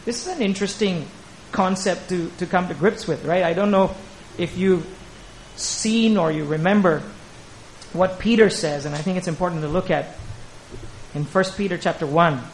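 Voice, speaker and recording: A man with a high voice preaching a sermon, leaning into rhetorical questions and drawing out key phrases for emphasis. A faint hiss of ambient noise sits under his voice. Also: moderate pace, poor audio. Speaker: pastor.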